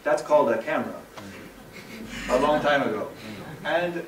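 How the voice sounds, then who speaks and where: A man from the American West Coast gives a playful stage talk in simple English, his voice a little high. He is heard from far off in a roomy hall with a faint hum behind him. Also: normal speed. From United States West Coast. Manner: lively, jokey, simple English for a Japanese audience. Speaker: presenter. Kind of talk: bilingual stage presentation. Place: large hall, recorded from afar. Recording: echoey hall, far from the mic.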